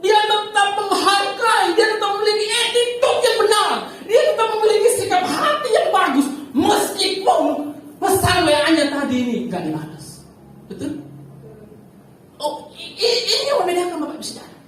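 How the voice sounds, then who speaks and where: A woman preacher giving a lively church sermon, speaking straight to the congregation and acting out the voices of people in her stories. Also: very high-pitched, moderate pace. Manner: lively, addresses the congregation directly and acts out quoted speech. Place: large church service. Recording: very echoey church hall, distant mic, faint noise.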